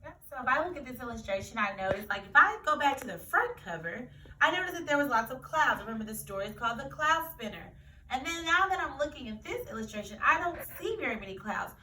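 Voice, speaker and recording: In a high, sing-song voice that is quick, bright and forceful, a female teacher walks children through a story during a read-aloud, repeating key phrases as she goes. The recording has roomy echo, a distant mic and faint noise.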